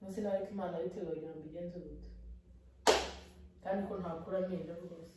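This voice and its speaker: Young adult woman, Rwandan accent, slightly low pitch, casual vlogger delivery, echoey indoor recording. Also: steady tone, quick pace. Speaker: vlogger pranking a parent. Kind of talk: casual vlog talk. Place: indoors in a large tiled living room. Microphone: camera set at a distance in the room. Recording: echoey living room, faint background noise.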